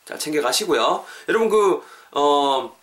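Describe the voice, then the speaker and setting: Lively English-teacher host. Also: male voice, on the high side. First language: Korean. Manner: lively, drills English phrases slowly, repeats words. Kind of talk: casual podcast lesson.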